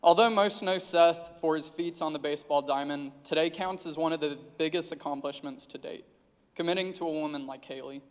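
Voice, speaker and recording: Man, twenties, slightly high voice, formal best man wedding toast, long hall reverb. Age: 20s. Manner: formal, prepared phrasing.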